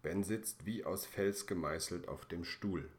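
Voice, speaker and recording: A man reading a children's story aloud, calm and measured with gentle expression. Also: deep voice.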